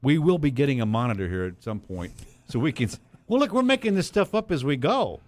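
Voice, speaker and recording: A man's voice: medium pitch, very animated, a little fast. A man hosting a casual talk radio show, bantering and joking with his guests. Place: studio broadcast streamed live.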